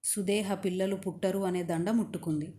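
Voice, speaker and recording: A woman storyteller narrating a devotional tale in a calm, steady way. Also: on the low side, fairly quick.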